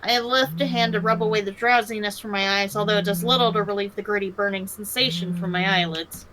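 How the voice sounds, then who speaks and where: A woman streaming a horror game, reading its narration aloud in an expressive way. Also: medium pitch, quick pace, slight background noise, poor audio.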